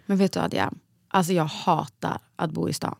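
A woman hosting a podcast in casual chat, telling stories with lively put-on voices for the people she quotes. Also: low-pitched, creaky, no room sound, clean studio sound. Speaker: podcast host.

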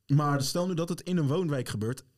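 A man's voice: fairly high pitch, a little fast, darkish tone. A man co-hosting a casual podcast, talking emphatically and often switching into English phrases. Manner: mixes English into his talk, emphatic and heated. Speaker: podcast co-host.

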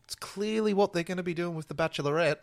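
A man's voice: high-pitched, fast, dry recording. A man co-hosting a podcast, making wry, sarcastic asides in casual chat about a reality show. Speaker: podcast co-host.

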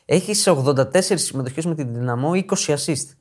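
A man's voice: fairly high pitch, animated, a little mellow. A man co-hosting a casual football podcast, introducing players one by one in a chatty way. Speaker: podcast co-host.

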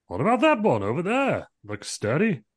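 Man playing a steadfast, husky space hero. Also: fairly high pitch, wildly swooping pitch, moderate pace, pitched above the performer's own voice. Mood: curious. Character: steadfast, encouraging male space hero sidekick.

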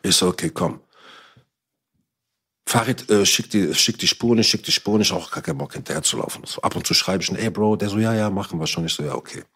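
A man with a low, husky voice talks fairly quickly in a casual chat, telling an anecdote. Slangy and animated, he swears he isn't lying and acts out other people's lines.

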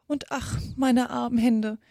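A woman's voice: on the high side, steady tone, a little slow, creaky, dark tone, no echo, studio quality, voice pushed up. A woman voicing an earnest, easily flustered little girl in a storybook reading, protesting indignantly. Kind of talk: audiobook character reading.

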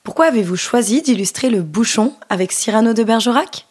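Husky-voiced woman interviewer. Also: a little high, lively intonation, fairly quick, a little mellow. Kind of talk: reading prepared questions.

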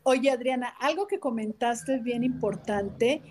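High-voiced woman co-host. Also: unhurried, a little mellow, a little hiss or hum. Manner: explains with hypothetical dialogues. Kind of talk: casual chat.

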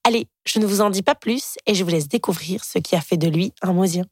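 A woman hosting a podcast, introducing her guest and asking questions in an upbeat, slangy way with quick encouraging replies. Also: lowish voice, a little mellow, breathy edge. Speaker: podcast host. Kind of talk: casual interview.

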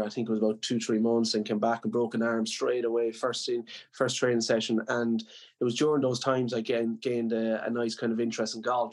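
A man from Limerick with a west of Ireland accent, answering as a podcast guest in an earnest, modest, conversational way. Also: medium pitch. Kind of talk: casual interview reminiscence.

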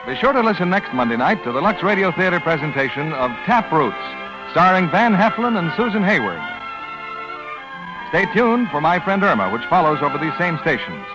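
This man announces in the formal manner of an old radio broadcast, his pitch a touch high and very lively as it rises and falls. The sound is dull and lo-fi, with music playing clearly behind him. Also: brisk.

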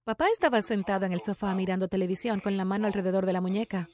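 Excitable woman narrating a story. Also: medium pitch, racing. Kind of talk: first-person story narration.

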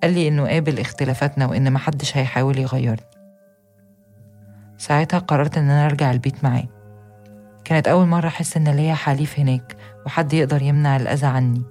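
A young woman with an Egyptian accent, giving an earnest, steady first-person account as a narrator. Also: low voice, rapid-fire, long pauses, faint music behind. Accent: Egyptian Arabic. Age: young adult.

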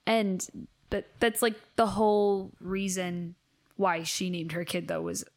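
A young woman co-hosting a casual true-crime podcast, chatty and quick to laugh. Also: mid-range voice, expressive. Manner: giggly, chatty. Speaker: podcast co-host.

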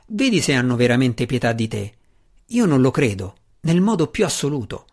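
A man voicing an earnest, wry dark elf warrior, speaking in a pressing, slightly raised voice. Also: medium pitch, very animated, normal speed.

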